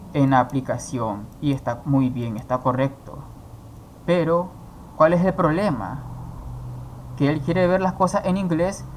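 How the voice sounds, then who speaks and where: A man teaching a coding course, explaining each step and asking himself questions before answering them. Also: fairly high pitch. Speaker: programming instructor. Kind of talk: screen-recorded coding tutorial.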